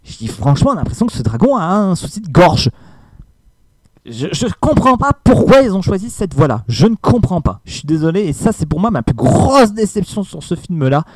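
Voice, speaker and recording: A man's voice: sits high, big pitch swings, fairly quick, a little mellow, dry recording. A man giving a casual film review, hesitant with many fillers and emphatic asides.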